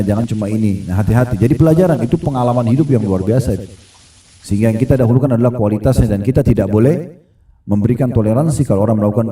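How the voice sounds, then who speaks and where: A man's voice: medium pitch, mellow. A man giving a conversational Islamic lecture to a gathered audience, often checking that listeners agree. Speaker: Islamic preacher. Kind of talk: religious lecture. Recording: echoey room, voice from far off.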